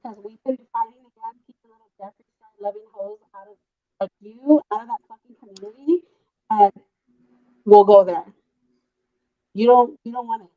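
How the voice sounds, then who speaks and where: A woman's voice: mid-range voice, moderate pace, long pauses, dark tone, no room sound. A woman on a video call who argues in a confrontational way and keeps calling people "girl", her voice sounding muffled, as if from inside a tunnel. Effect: muffled, tunnel-like call audio. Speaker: guest on a live call-in stream. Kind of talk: heated casual chat. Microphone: phone or computer on a video call. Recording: muffled dull online call line.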